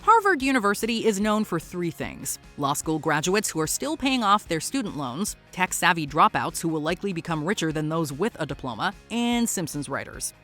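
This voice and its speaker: Lively wry countdown narrator. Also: medium pitch, normal speed, hardly any pauses, soft background music. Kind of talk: scripted voice-over narration.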